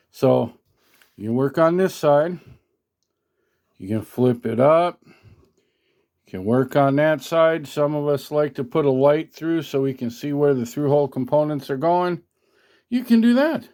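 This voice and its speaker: Warm and medium-pitched with some vocal fry, this man's voice carries a hands-on product demo recorded on a handheld phone. Working at a workbench indoors, the radio hobbyist and reviewer keeps it casual, folksy, colloquial and a bit salty.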